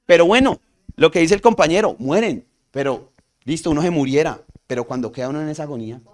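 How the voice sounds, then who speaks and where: A man's voice: a little high, lively intonation, quick pace, a little mellow. A man teaching a community first aid class. He asks the audience questions and answers them himself. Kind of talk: community training talk.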